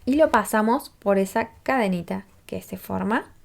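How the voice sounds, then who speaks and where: A woman's voice: medium pitch, normal speed, creaky. A woman, patiently teaching a crochet tutorial step by step and checking in with listeners as she counts rows aloud. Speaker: crochet instructor.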